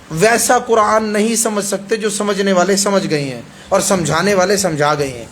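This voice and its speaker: High-voiced male preacher, emphatic. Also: a bit bright. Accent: Pakistani Urdu. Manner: emphatic, repeats phrases and asks the audience for agreement. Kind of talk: weekly hadith sermon.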